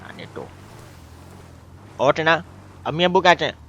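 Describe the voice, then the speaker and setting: A man streaming a game role-play, loud and bossy, teasing and shouting at his friends. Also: on the high side, big pitch swings, measured pace, husky, lo-fi sound.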